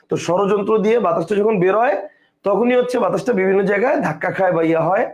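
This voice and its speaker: Quick, high-voiced male teacher. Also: darkish tone. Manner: explains step by step, asks and answers his own questions; mixes English words into his speech. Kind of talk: exam-prep grammar lesson.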